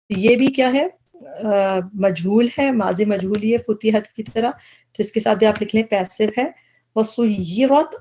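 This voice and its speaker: A woman's voice: medium pitch, dark tone. Woman teaching word by word, patient. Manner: patient, explains step by step, mixes in English terms. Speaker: Quran word-study teacher. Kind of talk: explanatory lesson.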